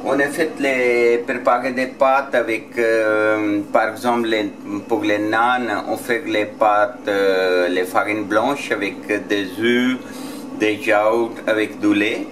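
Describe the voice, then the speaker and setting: A restaurant owner explaining his cooking in polite, halting French with grammar slips. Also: lowish voice, fairly even intonation, crowd noise. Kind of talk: casual explanation. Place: outdoor terrace, then a tiled kitchen. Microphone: camera mic a few feet away. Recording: roomy sound with clear background noise.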